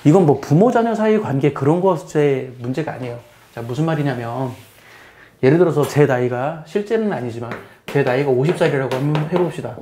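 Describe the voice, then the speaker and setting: A middle-aged math teacher gives a casual spoken lecture, explaining things plainly, often repeating phrases and putting questions to the listener. His voice is on the high side, mellow and animated, and he speaks briskly.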